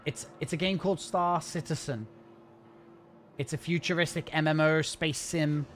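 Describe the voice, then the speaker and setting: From his gaming setup at home, a man from the north of England live-streams a game, chatting casually and rambling at a fast clip. His voice is a little high and a bit bright, with fairly even intonation.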